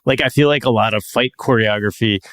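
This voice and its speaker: A man's voice: on the low side, a little fast, a bit bright, no room sound, clean studio sound. A man co-hosting a comedic podcast, laid-back and riffing, laughing often as he talks about his young kids. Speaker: podcast co-host; parent of young children. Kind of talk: casual comedic chat.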